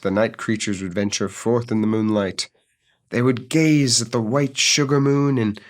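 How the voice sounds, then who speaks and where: A man reading a picture book aloud on a casual stream, relaxed and jokey, with swearing asides. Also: fairly low pitch.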